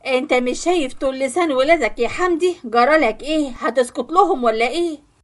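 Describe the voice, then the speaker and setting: A woman's voice: high voice, fairly quick, close to an everyday voice. A woman voicing a demanding, scheming young wife, pouting and wheedling in an Egyptian accent. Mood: indignant.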